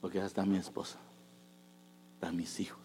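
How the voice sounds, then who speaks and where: A man preaching a sermon, moving between hushed asides and loud, emphatic bursts. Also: sits low, level tone, brisk, slight background noise.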